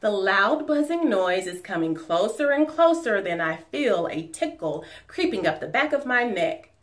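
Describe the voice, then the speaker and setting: A woman in her forties, a teacher reading a children's storybook aloud at home in an expressive, animated way. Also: mid-range voice, moderate pace. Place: living room at home.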